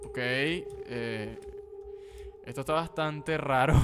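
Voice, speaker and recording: A man's voice: medium pitch, drawn-out words, noisy background. A young man giving horror gameplay commentary from home on a desk mic, chatty and prone to sudden yelps and slangy exclamations. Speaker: gaming video creator. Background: game music.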